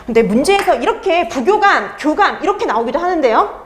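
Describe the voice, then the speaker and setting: Woman lecturer, high lively voice, exam-prep lesson, asks and answers her own questions. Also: brisk, slight background noise. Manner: asks students questions and answers them herself; repeats key terms for emphasis.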